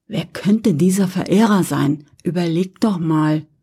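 Gruff mocking innkeeper guy woman reading him, soft breathy. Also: high-pitched, measured pace, heavily acted. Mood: teasing. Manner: scolding, mocking. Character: gruff young male innkeeper, teasing.

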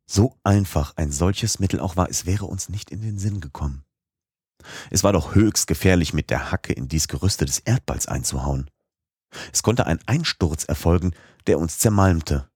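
Deep husky male audiobook narrator. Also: normal speed, darkish tone, no room sound, studio quality. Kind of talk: scripted narration of a classic novel.

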